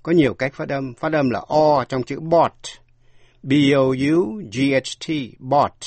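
A man's voice: mid-range voice, no room sound. A man teaching English vocabulary, spelling each word out letter by letter and then translating it. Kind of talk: slow spelled-out vocabulary lesson.

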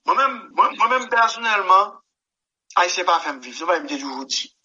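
In a dull lo-fi interview recording, a male musician guest gives rambling, emphatic answers peppered with "mon cher." He speaks at normal speed in a high, pushed, bright voice with lively intonation.

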